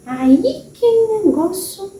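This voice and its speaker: This spirit medium, a woman with a Brazilian accent, voices a kindly, wise old grandmother spirit in a slow, soothing, motherly way that drops to whispers, the mood tender. Her voice is very high-pitched, very animated and heavily acted, recorded at a distance in a roomy space.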